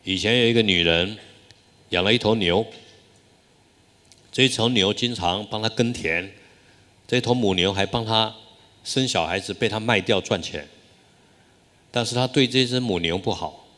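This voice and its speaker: A man's voice: fairly low pitch, sharp tone. A man, a Buddhist dharma master, telling a moral story in a sermon, often drawing out his sentence endings. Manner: drawn-out, sighing sentence endings. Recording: long hall reverb.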